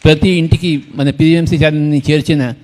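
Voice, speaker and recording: A man's voice: a little high, fairly even intonation, normal speed, a little mellow. Older man teasing his audience. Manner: teasing, joking asides to people in the audience. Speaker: meditation movement leader. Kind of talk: informal speech to a gathering.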